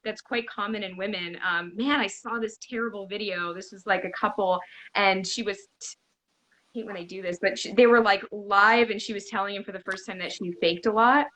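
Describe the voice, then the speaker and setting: A woman's voice: medium pitch, normal speed, poor audio. A woman bodyworker, a guest in a conversational interview, speaking earnestly and with emphasis. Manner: earnest, emphatic, animated when retelling.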